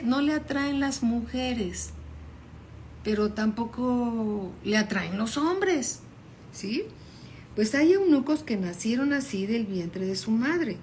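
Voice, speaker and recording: A woman's voice: mid-range voice, darkish tone, a little hiss or hum. A woman pastor giving a Bible study sermon, reading verses aloud and explaining them, often checking in with her listeners.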